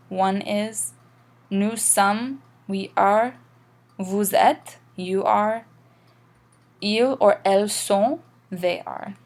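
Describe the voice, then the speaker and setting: A woman teaching French grammar in a recorded lesson, explaining patiently and slowing down for examples. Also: medium pitch.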